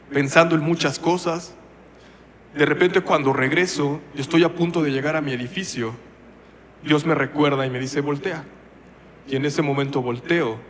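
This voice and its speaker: Preacher guy telling his story, prays out loud, echoey church hall. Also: medium pitch, slight background noise. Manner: emotional storytelling, quoting his own prayers aloud. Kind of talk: testimony in a sermon.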